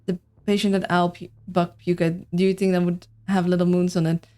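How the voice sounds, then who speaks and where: A woman with a Dutch accent streams a game and chats casually with her viewers, reading and answering chat and thinking aloud as she plays. Her lowish, dark-toned voice stays level and moves fairly quickly.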